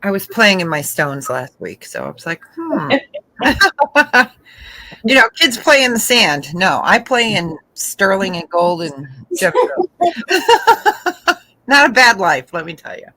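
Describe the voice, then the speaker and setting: Slow-talking bright-voiced woman auction host. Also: medium pitch, very animated, poor audio. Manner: chatty, describes items slowly, laughs often. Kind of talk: casual live sales chat.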